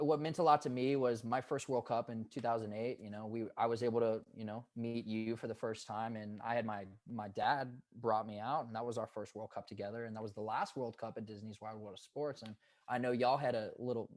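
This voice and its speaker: A man's voice: medium pitch, steady tone, fairly quick, darkish tone, no echo. A man in his twenties, a guest on a casual podcast interview, telling stories in an earnest, upbeat, hyped way. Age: 20s. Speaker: guest, pro paintball player.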